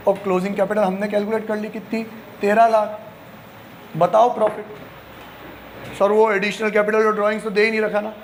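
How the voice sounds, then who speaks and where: A man's voice: high voice, a bit bright, a little hiss or hum. A man teaching an accounting class, asking questions and answering them himself, mixing English terms into Hindi and teasing his students. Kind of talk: classroom lecture.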